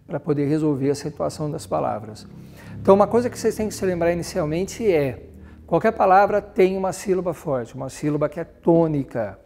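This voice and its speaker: A man's voice: a little high, mellow. A man with a Brazilian Portuguese accent teaching a grammar lesson, explaining step by step, giving examples and spelling words out.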